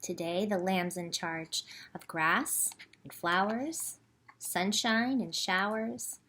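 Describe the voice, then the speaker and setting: This is a library storytime led by a woman who reads aloud, chats, and addresses the children directly in simple, expressive language. Her pitch is medium and she takes her time, with slight background noise in the recording.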